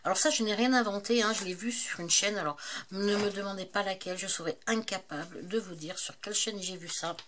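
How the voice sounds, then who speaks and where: A woman in a casual show-and-tell vlog about her craft supplies, chatty and hesitant, often pausing with fillers. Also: medium pitch, background noise. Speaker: craft vlogger.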